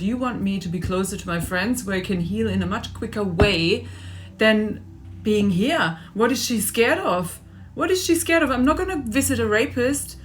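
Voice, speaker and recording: A woman in her forties ranting in a personal vlog, agitated and repeating herself for emphasis. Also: medium pitch. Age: 40s. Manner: agitated, venting, repetitive emphasis. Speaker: vlogger. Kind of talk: emotional personal vlog rant.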